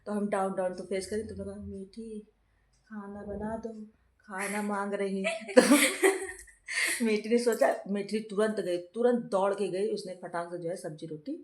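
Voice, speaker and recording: A woman's voice: mid-range voice, fairly even intonation, normal speed, a little mellow, roomy sound. A woman who is a mother and vlogger, chatting casually at home while unwell with a fever. She tells a long story and often breaks into laughter. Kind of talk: casual home vlog chat.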